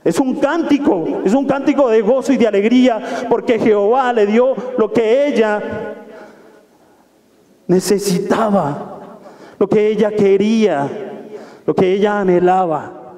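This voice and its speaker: Fervent high-voiced preacher in echoey hall. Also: male voice, moderate pace. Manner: fervent, exhorting, swings from soft to raised. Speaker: pastor. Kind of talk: sermon. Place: church hall.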